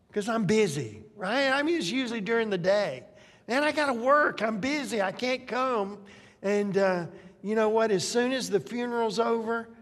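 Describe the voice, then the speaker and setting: An older man preaches in a high-pitched, unhurried voice, easygoing and chatty, often pausing to ask the congregation questions. His words ring out in a long hall reverb, as in a church sanctuary. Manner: conversational, with rhetorical questions to the congregation. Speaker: pastor. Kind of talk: sermon.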